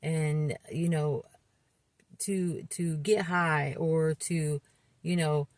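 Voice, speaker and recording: A woman in her fifties speaking candidly about her own recovery, earnest and halting, with frequent restarts and fillers. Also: deep voice, steady tone, a little mellow, no room sound. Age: 50s. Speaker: recovery vlogger. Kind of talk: candid personal testimony.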